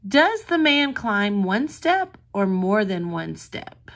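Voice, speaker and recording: A woman's voice: mid-range voice, big pitch swings, takes it slowly, gravelly. A woman kindergarten teacher giving a reading lesson, explaining simply and sounding words out carefully, as if reading to a toddler. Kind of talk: recorded reading lesson for young children.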